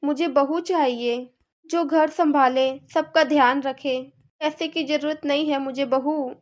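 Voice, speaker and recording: A woman's voice: high-pitched, fairly even intonation, unhurried. A woman voicing a bossy, complaining middle-aged mother-in-law in a cartoon, nagging and scolding.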